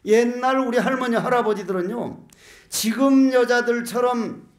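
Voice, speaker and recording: Older monk, high-pitched man, folksy joking sermon delivery, echoey hall. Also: normal speed. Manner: folksy, joking storyteller with rhetorical questions. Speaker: Buddhist monk giving a dharma talk.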